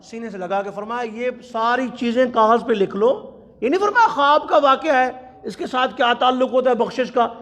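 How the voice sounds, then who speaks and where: Man preaching, very high voice, long hall echo, impassioned storytelling, drawn-out chanted quotes. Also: a bit bright. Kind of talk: sermon at a religious conference. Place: large mosque.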